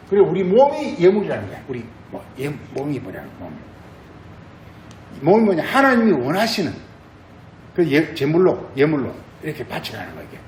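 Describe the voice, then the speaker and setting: A man's voice: high-pitched, darkish tone, reverberant, slight background noise, poor audio. A male pastor giving a sermon, repeating phrases and asking the congregation questions. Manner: repetitive, asks the congregation questions.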